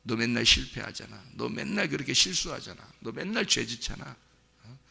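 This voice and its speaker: A man's voice: mid-range voice, animated, fairly quick, gravelly, pushed and bright, husky, heavily acted. A male pastor voicing a sly, accusing male devil in his sermon, needling with mocking questions. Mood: taunting.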